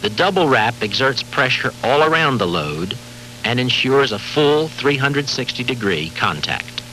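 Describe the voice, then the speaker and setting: A man giving formal, measured scripted narration for a safety training film, heard from a worn VHS tape copy with faint hiss and hum. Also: mid-range voice, big pitch swings, bright, forceful tone, rough recording. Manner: measured, formal, authoritative delivery.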